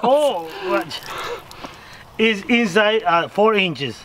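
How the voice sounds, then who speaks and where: A man's voice: high-pitched, big pitch swings, very slow, sharp tone. A man joking around with a friend outdoors, playful and teasing, giving short replies. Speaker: friend helping with the shoot. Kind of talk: casual banter. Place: outdoors in an orchard.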